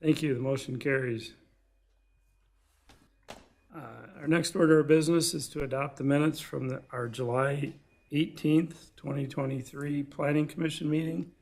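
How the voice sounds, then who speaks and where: A man with a measured, gravelly delivery, speaking formally as the chair of a commission meeting. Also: on the high side, fairly even intonation, darkish tone. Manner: measured, procedural. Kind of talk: formal procedural meeting talk. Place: public meeting room.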